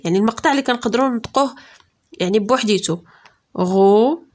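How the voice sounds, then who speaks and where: A woman with a Moroccan accent teaching a primary school reading lesson, saying French words slowly and clearly, then explaining them quickly. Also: a little high, darkish tone. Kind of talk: classroom lesson.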